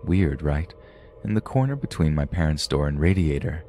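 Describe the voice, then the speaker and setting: A man hosting a podcast, reading paranormal stories aloud in a steady, measured storytelling manner. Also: rumbling low, a little hiss or hum. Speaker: podcast host.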